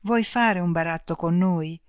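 A reader voicing two kind, dying alien beings who speak slowly and gently in an audiobook. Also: mid-range voice, clean tone, no echo, natural voice. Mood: sad. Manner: slow, gentle, speaking in unison. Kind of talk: audiobook reading.

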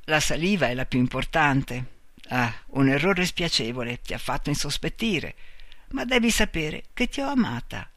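A man reading aloud and voicing a male robot double who speaks in a calm, tender, pleading way. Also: a little high, normal speed, dry recording, studio quality. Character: gentle male robot double, soft-spoken and loving.

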